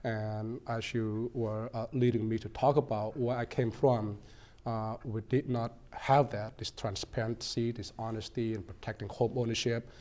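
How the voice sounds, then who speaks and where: A man in his forties, born in Cambodia, telling his story as a guest in a TV studio interview, earnest and measured with frequent ums. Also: mid-range voice, flat delivery, darkish tone. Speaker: guest, political candidate. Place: small TV studio set.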